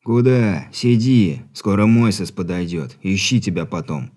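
Male reader playing a weary, sarcastic mercenary, low and dry. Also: lively intonation, unhurried, warm tone.

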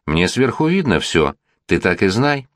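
A man's voice: lowish voice, big pitch swings, measured pace, no room sound, studio quality. A man reading the lines of a weary police captain in an audiobook, curt and sardonic.

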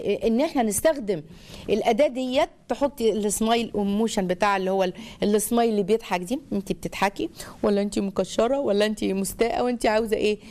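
Fast-talking Egyptian woman host. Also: medium pitch, mellow. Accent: Egyptian Arabic. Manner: fast, chatty, reading viewer comments. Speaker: parenting show host. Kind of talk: live call-in advice show.

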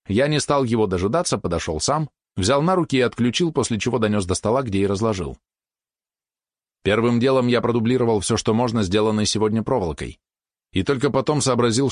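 A man reading first-person narration of an audiobook in an even, matter-of-fact way. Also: lowish voice, no room sound, studio quality.

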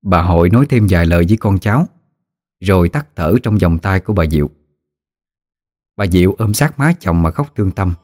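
A man narrating a ghost story in a steady, even manner. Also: low-pitched, fairly quick, long pauses, dry recording, studio quality. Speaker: audiobook narrator.

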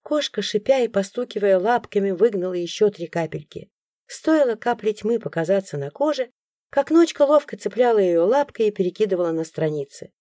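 A woman reads a first-person audiobook, her pitch rising and falling in a lively way. Her tone is mellow and soft, and the recording sounds dry and close. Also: a little fast, no room sound. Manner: expressive, animated storytelling. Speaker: audiobook narrator.

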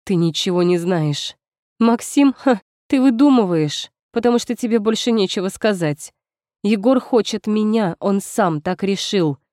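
A woman's voice: mid-range voice, lively intonation, measured pace, mellow, no echo, clean studio sound, lightly acted. A woman voicing a spiteful, mocking young female rival in a spoken story. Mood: scornful. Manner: mocking, taunting.

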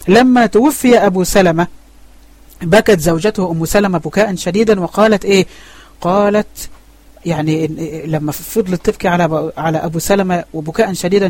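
Egyptian male religious teacher, brisk and high, close dry sound, online lesson. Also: no echo. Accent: Egyptian Arabic. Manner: asks questions and answers them himself. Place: online voice chat room.

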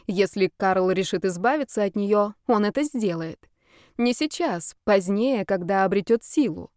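Brief: female audiobook narrator, mid pitch, measured delivery, dry close recording. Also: expressive, a little mellow, no room sound.

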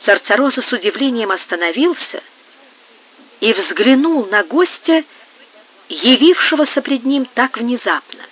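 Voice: medium pitch, lively intonation, a little slow, breathy edge. Audiobook narrator with phone-like sound. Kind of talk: scripted narration.

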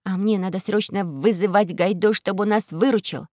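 A woman voicing a brisk, practical young girl adventurer in a slightly raised, lively voice. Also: dry recording, studio quality, lightly acted. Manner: quick, lively, a little higher.

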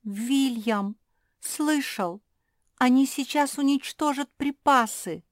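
A woman voicing a small, excitable female pug in an audiobook, speaking eagerly and pleading by turns. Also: a little high, takes it slowly, dry recording, clean studio sound, voice pushed up. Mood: alarmed. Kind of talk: audiobook reading.

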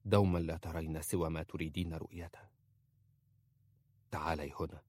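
Guy doing a stern-sounding young lover in a romance story, deep and dry. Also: a little fast, a little mellow, no room sound. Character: stern young nobleman, tender under his sternness.

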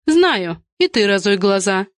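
A woman voicing a blunt, sharp-tongued middle-aged gossip with a curt, knowing manner. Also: mid-range voice, sing-song, measured pace, no echo, clean studio sound.

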